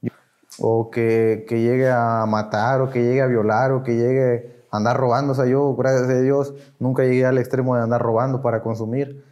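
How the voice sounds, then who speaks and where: A man's voice: medium pitch, flat delivery, normal speed, a little mellow. A young man with a Mexican accent, a podcast guest talking casually about his past, slangy and emotional, acting out the voices of people he quotes. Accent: Mexican Spanish. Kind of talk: casual conversation.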